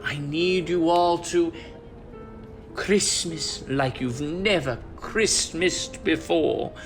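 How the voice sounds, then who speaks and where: A man's voice: a little high, drawn-out words, faint music behind. A man playing a genial, encouraging boss with a theatrical manner in an audio drama. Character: genial boss urging on the holiday staff.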